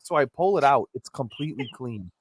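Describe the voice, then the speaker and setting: A man rambles through a joking, casual live show as host, his pitch swinging in an animated way. His p sounds pop on the mic, and there are clicks and faint noise behind him. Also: brisk. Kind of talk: casual comedic live chat, reading viewer comments.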